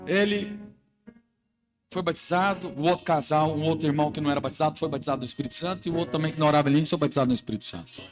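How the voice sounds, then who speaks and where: A man with a high, bright voice preaches at a church conference, lively and storytelling, acting out his own conversations as he goes. Music plays clearly behind him the whole time. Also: rapid-fire. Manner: animated preaching, telling stories and quoting himself. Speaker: pastor. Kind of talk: sermon.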